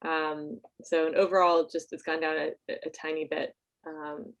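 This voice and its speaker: A woman's voice: sits low, level tone, moderate pace, low-quality recording. A woman presenting survey results at a board meeting, hesitant, with many fillers and restarts.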